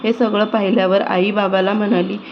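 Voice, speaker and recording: Female narrator for a children's story, steady and unvaried, muffled low-fi recording. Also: fairly quick. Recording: dull lo-fi recording with faint noise.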